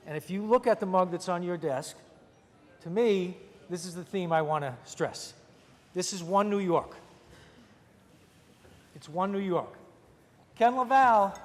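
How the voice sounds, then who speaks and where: A man delivers opening remarks as senate majority leader at a podium microphone, his voice sitting a little high for a man. He keeps it chatty and folds wry jokes in between the thank-yous. The sound rings with the long reverb of a large legislative chamber. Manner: chatty, with wry joking asides.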